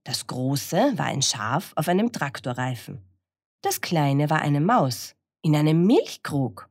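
A woman reads a children's picture book aloud in a low, unhurried voice. Her pitch rises and falls freely in an expressive storytelling way. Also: no room sound, studio quality.

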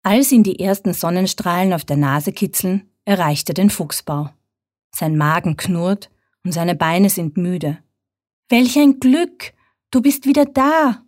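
A woman narrating a children's bedtime story in a calm, measured way. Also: fairly low pitch, dry recording, studio quality.

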